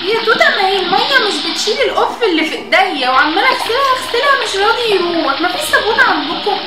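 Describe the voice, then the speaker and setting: A woman with an Egyptian Arabic accent voicing an excitable young girl doll who chats and frets. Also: very high-pitched, very fast, heavy background noise, pitched above the performer's own voice. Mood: chatty. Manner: excitable, chatty. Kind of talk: doll play acting. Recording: echoey room.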